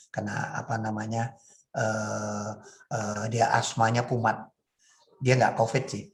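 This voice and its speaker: A middle-aged man preaching a sermon, earnest and halting with many filler pauses, rising to emphatic high bursts.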